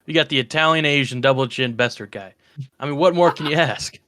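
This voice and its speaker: A man's voice: medium pitch, fairly quick, bright, forceful tone, a little hiss or hum. A man hosting a casual video game podcast, joking and slangy. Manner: laid-back, joking, slangy. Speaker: podcast host.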